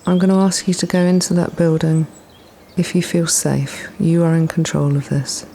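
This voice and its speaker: A woman leading a guided meditation in a soft, breathy, often near-whispered voice, soothing and gently instructing with unhurried pauses. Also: deep voice, steady tone, a little hiss or hum. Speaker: guided relaxation practitioner.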